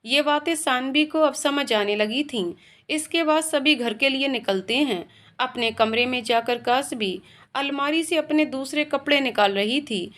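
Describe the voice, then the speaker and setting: A woman reading a family story aloud with steady, emotive storytelling. Her voice sits somewhat high. The delivery is scripted narration.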